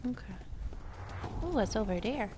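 A woman's voice: on the high side, expressive, normal speed, mellow, a little hiss or hum. A woman streaming a video game, chatting in an easygoing, playful way on a headset mic. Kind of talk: casual gaming stream chat. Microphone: headset microphone.

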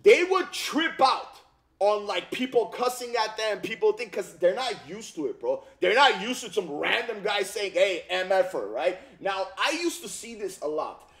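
At a moderate pace and in a high voice, an Armenian-born man in his thirties chats about fight news for his YouTube audience. It's casual reaction commentary recorded on a headset mic in a home gaming room, animated and slangy, repetitive, with "bro" and "okay?" cropping up constantly.

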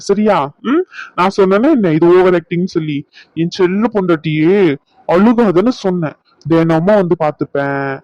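A man's voice: a little high, darkish tone, no room sound, highs cut off, natural voice. A man voicing a young husband in a cartoon who insists firmly but coaxes affectionately. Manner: firm, coaxing, insistent.

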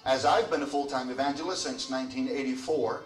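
A man's voice: mid-range voice, a little fast. An older man, an evangelist and children's home director, formally introducing his son's ministry. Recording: roomy, from a distance, faint music.

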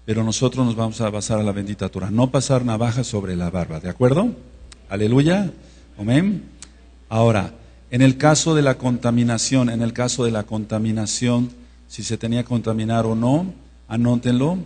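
Husky-voiced man preaching in a hall. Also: mid-range voice, mellow. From Mexico. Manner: instructive, checks in with the congregation; spells out words slowly. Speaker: pastor. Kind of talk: teaching sermon. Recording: reverberant hall with mains hum.

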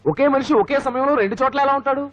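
An actor playing a smooth-talking marriage broker in a comic film, with wheedling patter. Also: male voice, extremely high pitch, fast talker. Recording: slightly muffled film audio.

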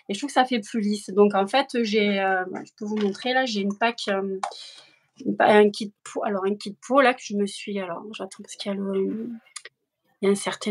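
A middle-aged woman with a strong southern French accent, chatting hesitantly on a live stream as a guest artist. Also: mid-range voice. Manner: hesitant, full of restarts while demonstrating. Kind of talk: casual live-stream chat.

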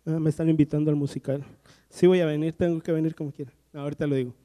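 A pastor preaches with a high, mellow voice, breaking into little acted-out scenes as he retells the stories. His words ring through a large hall with a long reverb. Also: little pitch movement, rapid-fire. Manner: storytelling preacher acting out Bible dialogue. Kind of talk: sermon. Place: church hall.

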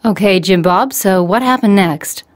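A woman speaking as a smooth radio host, introducing guests and taking calls in a comedic call-in sketch. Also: mid-range voice, measured pace.

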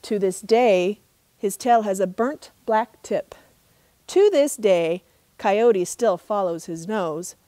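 A middle-aged woman, a park ranger, reading a trickster tale as expressive, measured storybook narration outdoors. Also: medium pitch, dry recording. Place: outdoors in open desert.

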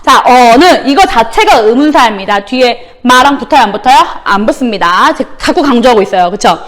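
A woman who speaks Korean as her first language, teaching Chinese to middle school students in a recorded online lesson. She drills each word with repeated prompts and says the Chinese phrases slowly and with exaggerated care. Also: fairly high pitch, lively intonation. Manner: drills words with repeated call-and-response prompts; slow, exaggerated pronunciation of Chinese words.

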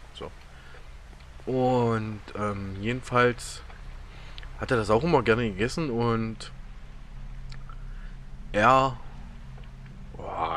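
A man's voice: mid-range voice, a bit bright. Casting: German gamer guy, rambling chatty storyteller, mid-range voice, faint background hiss. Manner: rambling, chatty storytelling with many fillers and laughs. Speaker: gaming YouTuber. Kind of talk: casual let's-play commentary.

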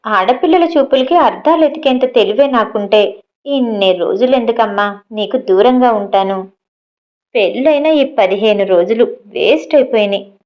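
A woman's voice: mid-range voice, natural voice. A woman reading a loving young husband's lines in an affectionate, earnest way, in a dull lo-fi recording.

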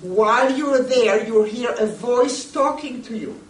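Her fairly high voice carries a deliberate, emphatic lecture as a museum educator speaks to a seated group, putting questions straight to them. The recording is roomy and noisy, taken by a camera microphone a few metres off in an indoor meeting room.

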